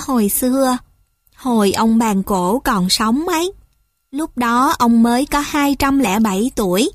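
A woman gently reading children's stories aloud as a storyteller. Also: on the high side, no room sound, clean studio sound.

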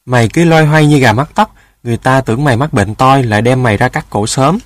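A man's voice: medium pitch, quick pace, no echo, natural voice. A man voicing a sly male dog in a storybook tale who scolds and lectures in a mocking way.

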